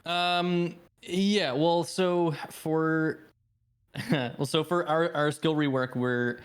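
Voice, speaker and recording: A man's voice: fairly high pitch, steady tone, drawn-out words, clear, resonant tone. A man on the admin team answering a question in a casual podcast chat, hesitant and laughing, with many fillers.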